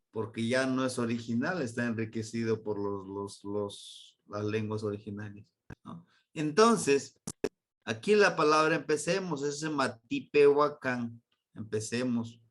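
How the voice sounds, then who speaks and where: A man from Mexico teaching a Nahuatl grammar lesson online, slow and patient, repeating words for his students. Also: medium pitch, a bit bright.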